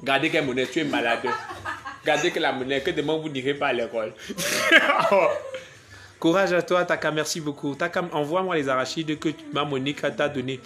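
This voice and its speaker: A man's voice: on the high side, fast, background noise. A young man from Cameroon with a Cameroonian French accent, chatting playfully on a live stream as a comedian and reading out viewer comments. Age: young adult. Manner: playful, joking, reads viewer comments aloud. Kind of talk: casual live-stream chat.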